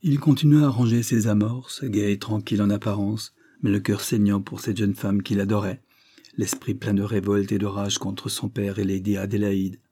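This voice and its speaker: A man narrating a classic novel as an audiobook, in a measured, even delivery. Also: lowish voice, husky.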